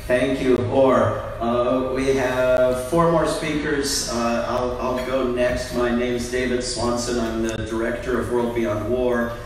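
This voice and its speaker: A man's voice: mid-range voice, level tone, takes it slowly, few pauses. Guy giving a heated talk at a panel, lots of restarts, super echoey room, faint hum behind. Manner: impassioned, frequent restarts. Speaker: panel speaker, antiwar group director. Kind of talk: public speech at a panel. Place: large indoor event room. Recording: very echoey room, distant mic, faint background noise.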